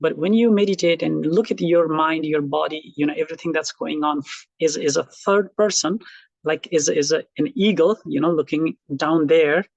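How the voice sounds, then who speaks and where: With a Nepali accent, a middle-aged man from Nepal who teaches college talks casually and thoughtfully to an online class, often using fillers and starting over. His gravelly voice sits on the high side at a moderate pace. There's no room sound, and the highs are cut off.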